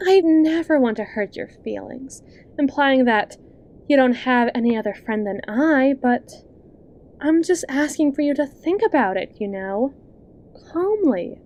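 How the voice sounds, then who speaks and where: Here a woman performs an ASMR roleplay as a scheming, possessive best friend. Speaking in a soft, rather high voice, she draws out every phrase and leaves lingering pauses, coaxing and condescending like a hypnotist guiding someone under her sway.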